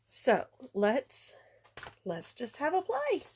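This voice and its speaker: Slow, chatty congested woman. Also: high-pitched, wildly swooping pitch, a little mellow, slight background noise. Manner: chatty, unhurried, talks through each step. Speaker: card-making demonstrator. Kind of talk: casual craft tutorial.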